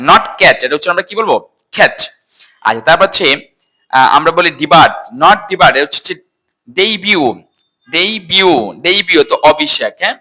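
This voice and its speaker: Bright-voiced man teaching English words. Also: a little high. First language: Bengali. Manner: drills words by repeating them slowly and asking the class. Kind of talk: casual spoken lesson.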